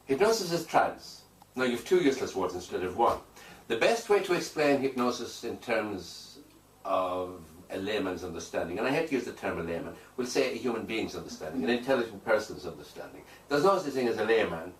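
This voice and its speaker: A hypnotherapist man with a fairly low voice explains his views in an interview, firm and emphatic and given to repetition. He sits away from the mic in an echoey room with a faint hiss behind him. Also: sing-song, brisk, distant mic. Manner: emphatic, declarative, repeats phrases for weight. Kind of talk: interview answers.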